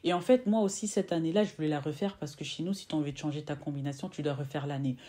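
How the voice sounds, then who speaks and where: A woman's voice: low-pitched, racing. A woman in her twenties telling a personal story to camera in a casual storytime, acting out the exchanges she recounts and often restarting or repeating phrases. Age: 20s. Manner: animated, acts out quoted exchanges. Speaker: vlogger.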